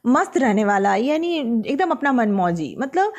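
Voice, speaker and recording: A woman teacher explaining a poem to school students, reading its lines slowly and then explaining them in plain words. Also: fairly high pitch, big pitch swings. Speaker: Hindi teacher.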